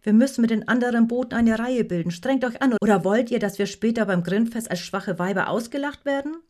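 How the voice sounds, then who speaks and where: A woman voicing a relentless Viking boat leader who shouts urgent rowing commands in an audiobook. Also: on the low side, big pitch swings, normal speed, husky, full character voice.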